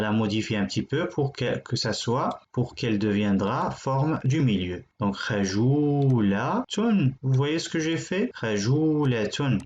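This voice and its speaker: A man teaching a language lesson, patiently explaining step by step while he writes, and repeating each word slowly several times. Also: mid-range voice, reverberant, muffled recording. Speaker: Arabic teacher.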